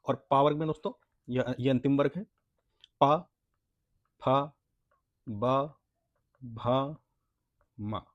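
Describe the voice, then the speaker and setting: A man teaching an exam-prep language lesson, sounding out syllables slowly and asking and answering his own questions. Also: medium pitch, dry recording, muffled recording. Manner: repeats points, asks and answers own questions, says "friends" often; spells out syllables slowly for practice.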